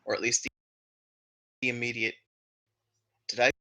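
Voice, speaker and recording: A man's voice: mid-range voice, completely flat delivery, moderate pace, pushed and bright. A man playing a tabletop game over a voice call, his voice choppy and cutting out from a bad internet connection, describing his character's moves in the third person. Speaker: player.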